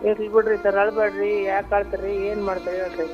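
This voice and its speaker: A woman's voice: mid-range voice, fairly even intonation, fast talker. A woman from Raichur with a North Karnataka accent, earnestly consoling a caller on the phone and repeating herself. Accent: North Karnataka Kannada. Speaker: prank call target. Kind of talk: phone call. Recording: muffled phone line with music.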